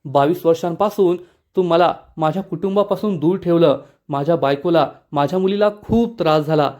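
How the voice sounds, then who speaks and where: A man voicing a wronged middle-aged father who gravely warns the villain. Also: on the high side, moderate pace, darkish tone, close to an everyday voice. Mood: bitter. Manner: angry, grave. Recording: dull lo-fi recording.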